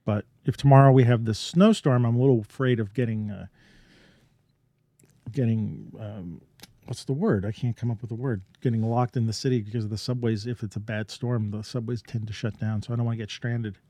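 A man's voice: mid-range voice, fairly even intonation, a little fast, mellow, no echo. A man co-hosting a podcast, talking in a loose, rambling way with lots of fillers and restarts. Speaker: podcast co-host. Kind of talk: casual chat.

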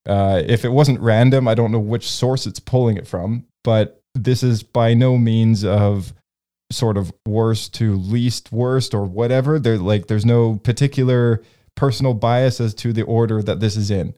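A man's voice: on the low side, steady tone, unhurried, warm tone. A man hosting a casual group discussion, rambling with lots of ums and restarts. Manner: rambling, many fillers and restarts. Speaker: podcast host leading discussion.

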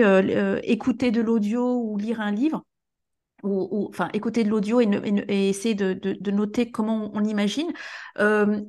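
A woman's voice: a little high, a little mellow. A woman hosting a podcast interview, affirming and building on her guest's points with many fillers. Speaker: podcast host. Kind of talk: conversational interview.

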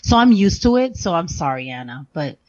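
A woman's voice: fairly low pitch, big pitch swings, fairly quick, lo-fi sound, crowd noise. A woman in her fifties, a podcast co-host on as a guest, joking playfully and laughing often. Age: 50s.

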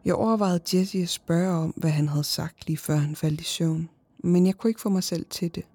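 A woman narrating a horror story in the first person, in a slow, hushed and often whispered voice. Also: fairly low pitch, steady tone, breathy edge, no echo.

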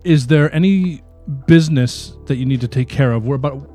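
A man's voice: mid-range voice, normal speed, dark tone, faint music behind. A man co-hosting a podcast, joking crudely and dryly, then narrating as dungeon master. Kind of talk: casual podcast banter and game narration.

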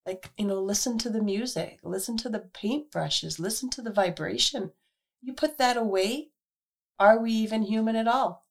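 A woman hosting her own radio show, talking casually and earnestly with many fillers, her voice hoarse and husky from recent illness. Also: a little high, normal speed. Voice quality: husky, gravelly.

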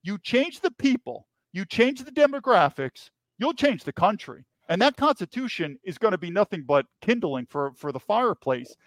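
A man's voice: high-pitched, very animated, normal speed, few pauses, no echo. A man who was once a federal agent, talking in an interview with emphatic storytelling and frequent repeated words. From New York. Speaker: guest, former FBI agent. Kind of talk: interview conversation.

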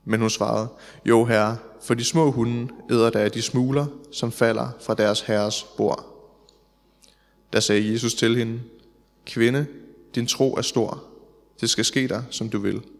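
A man reading psalms and gospel aloud in a church service, in a measured, solemn way. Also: mid-range voice, steady tone, gravelly. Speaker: scripture reader in church service. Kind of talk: liturgical scripture reading. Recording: long church reverb.

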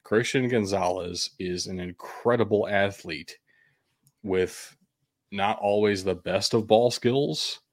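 Male sports host, deep voice, casual but blunt and opinionated analysis, dry studio-like closeness. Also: slow, no echo. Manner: opinionated, blunt, occasionally profane.

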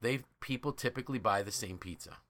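An American man with a fairly low pitch and fairly bright tone talks quickly. He co-hosts a casual business podcast and explains things through enthusiastic storytelling.

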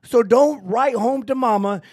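A man's voice: very high-pitched, a little slow, a little mellow. A man with a Texas accent, co-hosting a casual boxing talk show and arguing emphatically. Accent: Texan. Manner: emphatic, repetitive, ranting. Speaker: podcast co-host. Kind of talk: casual sports debate.

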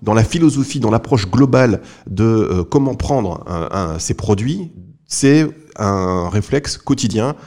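A man's voice: lowish voice, darkish tone. A man hosting an audio podcast interview, guiding guests with questions and often repeating words as he searches for them. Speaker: podcast host. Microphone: audio podcast microphone.

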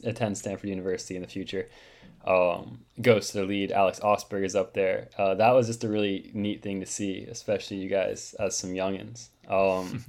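A man's voice: fairly low pitch, a little mellow. A young man co-hosting a podcast, talking through a race in a hesitant, chatty way full of likes. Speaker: podcast co-host. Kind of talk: casual chat, asking about a race.

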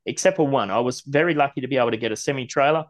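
A man co-hosting a casual podcast and venting in a blunt, sweary rant. His voice sits at a middling pitch for a man, and a slight lisp creeps in now and then as he gets heated. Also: racing. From Australia. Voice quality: occasional lisp when ranting. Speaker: podcast co-host. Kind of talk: casual ranting chat.

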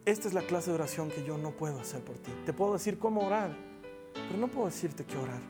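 A man preaching a sermon as pastor, earnest, rising to loud urging and dropping to near whispers. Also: a little high, animated, quick pace, over music. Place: church meeting hall, also streamed online.

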